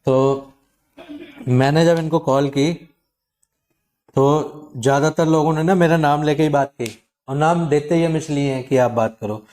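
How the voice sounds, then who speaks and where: A man hosting his channel, talking casually and animatedly to viewers and acting out callers' lines in quick quotes. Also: fairly high pitch, a little mellow. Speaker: channel host advising viewers on loan recovery calls. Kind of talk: casual talk to camera.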